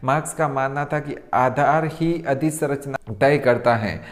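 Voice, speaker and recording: A man's voice: medium pitch, a little slow. A male tutor giving an exam revision lecture. He reads out questions and answers them, and keeps slipping in the same stock filler phrase mid-sentence.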